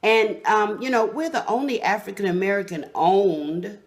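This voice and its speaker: A woman's voice: mid-range voice, moderate pace. A woman who leads a nonprofit, speaking in an earnest, encouraging, slightly preachy way in a casual interview. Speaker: nonprofit leader, guest.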